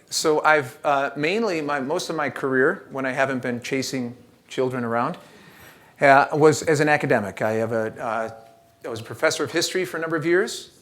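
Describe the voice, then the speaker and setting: A middle-aged man giving a relaxed, humorous keynote talk at a church event, telling stories with frequent fillers. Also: medium pitch, quick pace. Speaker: keynote speaker. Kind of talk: conversational keynote talk with storytelling.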